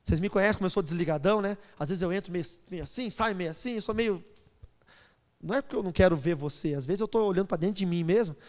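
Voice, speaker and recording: Male pastor, 30s, high-pitched and lively, storytelling sermon in a big echoing church. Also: fast. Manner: animated, playful, acts out voices, builds to loud preaching. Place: church hall. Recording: long hall reverb.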